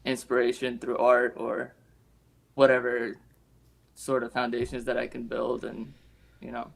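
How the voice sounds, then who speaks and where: Flat, gravelly man from Romania. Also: medium pitch, poor audio. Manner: relaxed, reflective, many pauses and fillers. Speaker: interviewed guest, filmmaker. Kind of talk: casual conversation.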